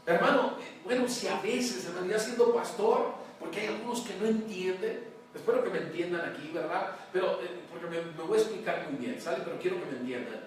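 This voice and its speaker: A male pastor preaching a sermon, swinging between loud emphasis and hushed words, often calling out to his congregation. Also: sits high, fairly quick. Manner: addresses congregation as "hermano", asks "¿verdad?". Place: large church hall. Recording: very echoey church hall, mic far off, faint noise.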